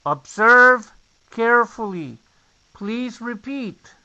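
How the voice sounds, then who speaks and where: Slow, bright-voiced male English teacher. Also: very high voice, expressive, highs cut off. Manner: repeats phrases for the learner to copy. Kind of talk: pronunciation lesson.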